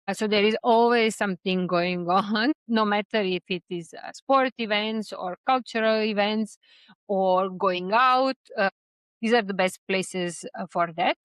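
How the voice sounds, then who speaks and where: A woman's voice: mid-range voice, no room sound. A young woman from Serbia giving expat life tips in a casual explainer to camera, with frequent fillers and restarts.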